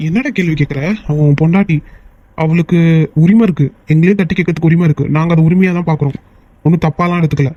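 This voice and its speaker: A man voicing a fast, high young peacemaker. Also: muffled recording, close to an everyday voice. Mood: pleading. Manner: pleading, reasoning. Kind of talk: Tamil cartoon voice acting.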